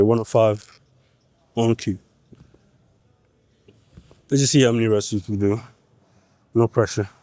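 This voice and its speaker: Fairly low and mellow, the voice belongs to a young fitness vlogger with a cold who sounds nasal as he speaks bluntly to the camera between gym sets. His casual talk is profane and pep-talking, with no echo on the recording.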